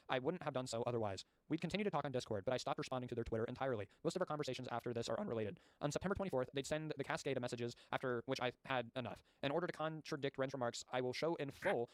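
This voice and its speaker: A man's voice: mid-range voice, dry recording. A male streamer reading documents aloud with live commentary, often stumbling over words and breaking off into exasperated, profane asides.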